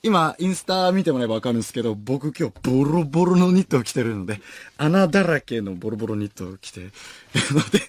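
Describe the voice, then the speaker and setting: Male late-night radio host, animated and self-mocking, a lively voice with big swings in pitch, dry close studio sound. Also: fast, no room sound. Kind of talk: casual radio talk reading listener mail.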